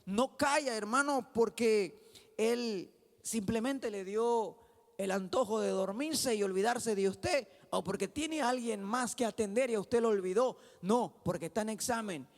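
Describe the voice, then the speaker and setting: A man preaching a sermon in a church with a Mexican Spanish accent, dropping low and then shouting his exhortations. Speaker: pastor. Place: church sanctuary. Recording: long hall reverb.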